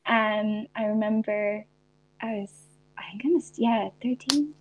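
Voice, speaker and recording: A woman's voice: medium pitch, unhurried, a little hiss or hum, poor audio. Young Irish woman, reflective guest. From Ireland. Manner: reflective, frequent restarts and fillers. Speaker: podcast guest. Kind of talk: casual interview chat.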